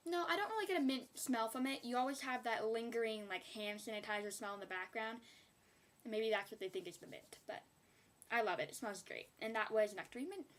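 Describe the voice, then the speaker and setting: A woman's voice: a little high, a little fast. A young woman chatting casually in a beauty haul video, rambling with giggly asides. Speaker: beauty vlogger.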